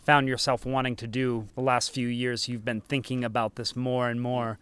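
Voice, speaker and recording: A man interviewing a guest outdoors on a terrace, asking relaxed, open-ended questions. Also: mid-range voice, moderate pace, clear, resonant tone. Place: outdoor terrace above a valley.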